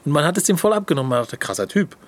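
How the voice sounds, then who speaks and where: A young man co-hosting a podcast in casual chat, telling stories in an animated, slangy way and laughing often. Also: fairly high pitch, racing, a little hiss or hum. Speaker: podcast co-host.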